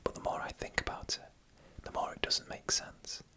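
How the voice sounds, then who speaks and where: Slow, breathy and hushed, the ASMR whisper of a host-narrator carries scary stories told deliberately from very near the microphone.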